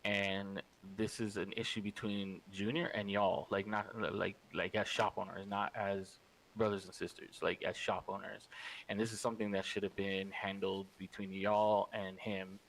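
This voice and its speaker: A man's voice: on the low side, little pitch movement, normal speed, gravelly, poor audio. A man speaking in character at a roleplay gang meeting, rambling and repeating himself.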